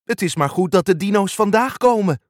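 A man reading a storybook and voicing Scoop, an eager, cheeky male work machine who speaks in high, excited exclamations. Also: a little fast, dry recording, studio quality.

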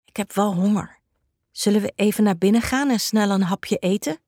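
A woman's voice: mid-range voice, moderate pace, darkish tone, dry recording, clean studio sound, natural voice. A woman voicing an earnest, curious young cat in a children's story.

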